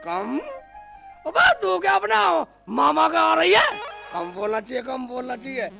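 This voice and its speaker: A man's voice: sing-song, moderate pace, gravelly, a bit bright, faint music behind, heavily acted. A man playing a foolish, literal-minded young son-in-law in a comedy film, with a cheeky manner. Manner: squeaky, cheeky, takes every word literally. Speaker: comic lead.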